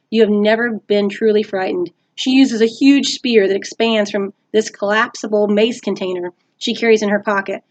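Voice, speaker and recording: Woman teacher reading a storybook aloud. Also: medium pitch. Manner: steady, expressive reading.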